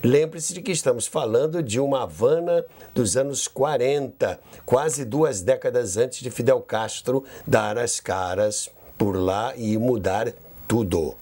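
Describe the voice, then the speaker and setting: A Brazilian man, the host and narrator of a radio history podcast, dramatizes a scripted story and adds conversational asides. He talks a little slowly in a mellow, medium-pitched voice.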